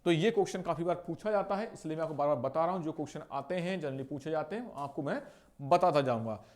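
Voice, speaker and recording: A man's voice: a little high, darkish tone. A young man teaching an exam-prep lesson, explaining each answer and asking and answering his own questions. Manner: repeats words slowly to show spelling and pronunciation.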